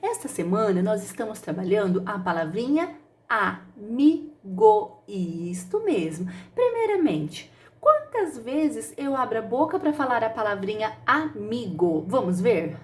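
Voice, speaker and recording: A woman's voice: medium pitch, very animated, a little slow. A woman teacher giving a children's phonics lesson, sounding out syllables in an affectionate, sing-song way.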